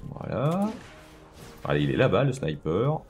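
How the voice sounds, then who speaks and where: A man's voice: fairly low pitch, huge pitch swings, unhurried, a little mellow, soft background music. A man hosting a let's play, chatting casually and thinking aloud with lots of fillers as he plays. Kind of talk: casual gameplay commentary.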